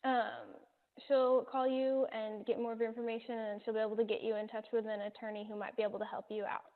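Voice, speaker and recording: A woman with a fairly high, level voice talks fast as a law office receptionist, polite and procedural on a customer service phone call. The audio is a muffled, narrow-band phone line.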